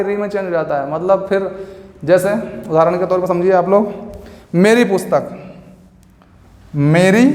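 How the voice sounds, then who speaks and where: A man teaches a grammar lesson in a fairly high voice, drilling each example word by word and quizzing with rhetorical questions. The sound rings in a roomy space with a long reverb tail. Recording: echoey room with long reverb.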